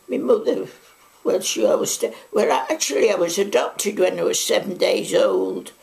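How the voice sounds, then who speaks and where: An elderly woman from Manchester, England, in her nineties and with a Mancunian accent, is interviewed at home in her living room on a lapel mic for an oral history recollection. Her gravelly, darkish voice swings widely in pitch as she recounts her past in a chatty, rambling way full of side remarks.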